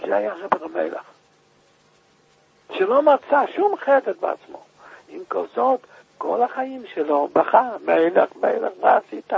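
A man preaching by telling a story with emotion, rising now and then to loud, high cries. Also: big pitch swings, creaky, long pauses, highs cut off. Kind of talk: storytelling sermon.

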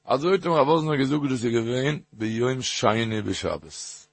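A man giving a Torah talk with stories, halting and repeating phrases, rising into an emphatic sing-song. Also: mid-range voice, vocal fry, slightly rough, no room sound.

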